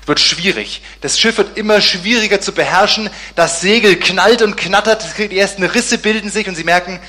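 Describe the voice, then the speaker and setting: Bright-voiced man telling a sermon story. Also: high-pitched, normal speed. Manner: lively, acts out dialogue in voices. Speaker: pastor.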